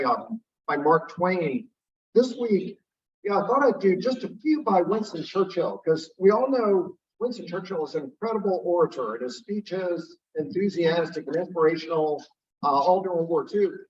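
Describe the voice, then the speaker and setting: A man at a club meeting telling anecdotes in a chatty, halting way. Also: sits high, recorded from a distance, highs cut off, a little hiss or hum. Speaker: club member giving a closing segment.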